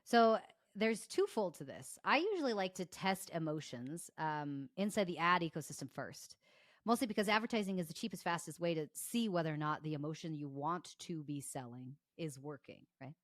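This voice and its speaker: A young adult woman speaks as a podcast guest, with eager, flowing explanations and quick laughs. Her voice sits a little low for a woman. The sound is dry and close, with no room around it. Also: animated, no echo. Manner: enthusiastic, fast-flowing explanations with frequent laughs. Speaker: guest, consumer behavior strategist. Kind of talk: casual podcast interview.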